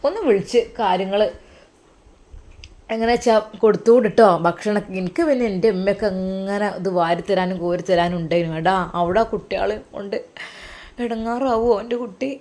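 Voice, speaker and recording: A woman's voice: mid-range voice, brisk, dark tone, lightly acted. Doting older mother, voiced by a woman. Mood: fondly fussing. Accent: Malappuram Malayalam. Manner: doting, endearments, worried advice. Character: fussy loving older mother, pious.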